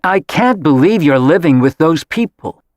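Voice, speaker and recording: A man's voice: fairly high pitch, sing-song, moderate pace, dry recording, studio quality, voice pushed up. A man voicing a haughty, imperious countess mother. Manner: grand, disapproving.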